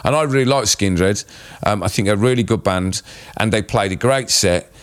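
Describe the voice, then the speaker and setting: A man in his fifties with an English accent and a hoarse voice, chatting casually as a co-host in a rambling, matey, sweary way. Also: fairly low pitch, moderate pace. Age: 50s. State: hoarse from screaming at a concert. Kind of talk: casual chat.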